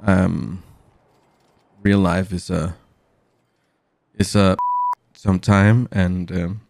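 Guy rambling on his game stream, really low voice, bit of fry in it. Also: flat delivery, extremely slow, darkish tone, no room sound. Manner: rambling, chatty, talks to his viewers. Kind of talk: casual live game stream. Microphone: studio mic through an audio mixer.

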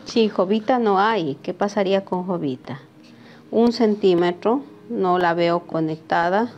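A woman's voice: mid-range voice, a little slow, a little mellow, muffled recording, a little hiss or hum. A woman giving a live sewing lesson while drafting a pattern at a table, chatting with viewers by name and checking in with frequent questions. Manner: chatty, talks to viewers by name and asks "¿sí?" often. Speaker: sewing teacher. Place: sewing workshop, at a cutting table.

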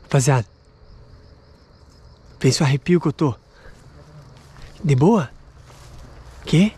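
A man's voice: on the high side, lively intonation, takes it slowly, husky. A man with a southern Brazilian accent giving casual commentary while exploring an abandoned wooden house. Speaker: paranormal investigation vlogger. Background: loud music.

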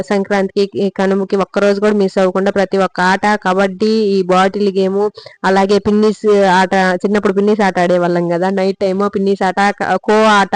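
A woman vlogger rattles along quickly in a casual voice-over. Her pitch barely moves, and she speaks straight to her viewers. The close mic sounds dry, with no room sound at all. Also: no room sound, low-quality recording. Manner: chatty, addresses viewers directly.

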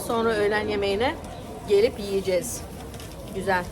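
Woman vlogging over loud street noise. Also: medium pitch, fairly even intonation, moderate pace. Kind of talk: casual vlog chat. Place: outdoor market and open-air seating. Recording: very noisy busy outdoor street.

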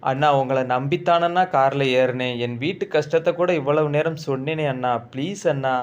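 A man's voice: mid-range voice, moderate pace, dull audio, natural voice. A man voicing a tearful, pleading young woman. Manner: tearful begging.

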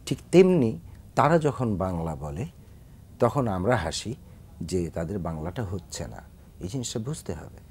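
A man with a low, slightly mellow voice speaks unhurriedly but very animatedly, with long pauses, as a singer guesting on a Bangladeshi TV talk show. In this studio interview, he talks earnestly about correct pronunciation in a Bangladeshi Bengali accent. There's slight background noise.

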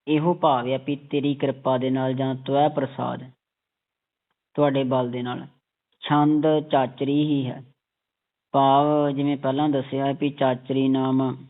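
Punjabi male recitation teacher, even flat delivery, tinny phone-like audio, patient corrections. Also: mid-range voice. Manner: patient, corrective, demonstrates pronunciation. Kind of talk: recitation lesson.

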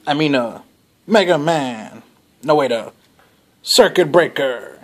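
A man's voice: expressive, slow. A man giving a casual, rambling comic book review, swearing often and laughing as he goes. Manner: rambling, laughing, profane, with sudden jumps in pitch.

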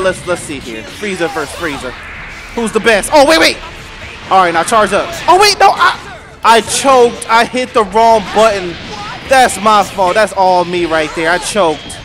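A high-pitched man calling out his own online match as it happens. He talks at the screen, cheers, groans and shouts at his opponent, with game music clearly playing underneath. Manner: excitable, talks to the screen, frequent outbursts and shouts. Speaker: gaming channel host. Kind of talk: live gameplay commentary.

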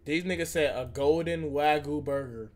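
A man's voice: a little high, normal speed, raised voice. A man streaming live, reacting to a video with casual, profane, mocking commentary.

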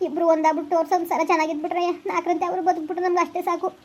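A woman's voice: very high-pitched, little pitch movement, rapid-fire, a little mellow, a little hiss or hum. A woman playing an earnest young wife who pleads with her husband in an amateur village family drama.

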